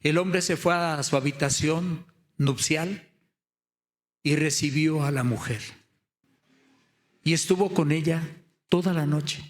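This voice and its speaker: A man preaching a sermon, telling the story with many rhetorical questions and building to loud, impassioned emphasis. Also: fairly high pitch, slow pace, long pauses.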